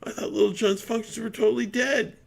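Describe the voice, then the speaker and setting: A man's voice: high voice, steady tone, brisk, gravelly. A man streaming a game, reading dialogue aloud with chatty asides.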